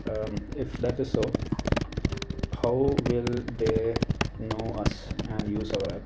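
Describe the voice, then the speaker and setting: A man with an Indian accent talking through his screen in a casual walkthrough, thinking aloud and pausing on fillers. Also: lowish voice, steady tone, very noisy. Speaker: creator.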